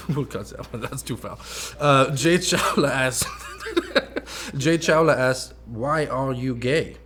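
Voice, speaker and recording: A man's voice: mid-range voice, slow pace, fairly bright tone. A man from France interviewing a guest in a casual chat, teasing and provocative as he reads out crude audience questions.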